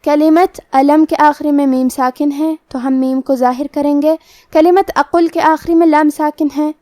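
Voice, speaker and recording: A woman teaching Quran recitation rules step by step in a calm, methodical way. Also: sits high, dry recording, clean studio sound. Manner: slow drawn-out demonstration of each word. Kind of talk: step-by-step tajweed lesson.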